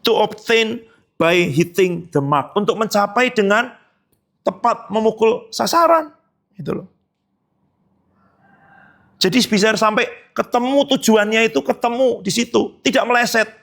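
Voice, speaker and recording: A man's voice: high voice, unhurried, pauses often, a bit bright. A middle-aged male pastor preaching a sermon at a church service, emphatic, asking rhetorical questions and answering them himself.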